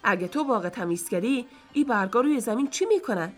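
A woman's voice: a little high, animated, faint music behind, lightly acted. A woman voicing a proud, fussy male master of a house who scolds his servant sternly. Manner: stern, scolding, fault-finding.

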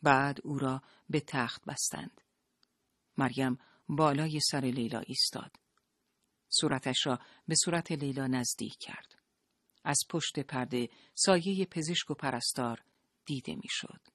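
A narrator giving a steady, measured audiobook reading. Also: medium pitch, no echo, studio quality.

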